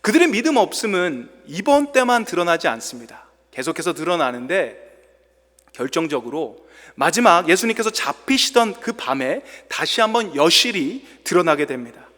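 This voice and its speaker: A man's voice: fairly high pitch, very animated, moderate pace, a bit bright. A male pastor preaching a sermon in a dramatic, storytelling way, acting out quoted lines in a church sanctuary. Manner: dramatic storytelling, quoting with acted voices. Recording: long church-hall reverb.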